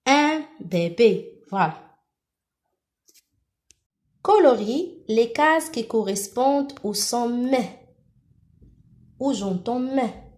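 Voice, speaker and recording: A woman teacher, leading a slow phonics lesson for young children, repeating and stretching syllables. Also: fairly high pitch, lively intonation, darkish tone.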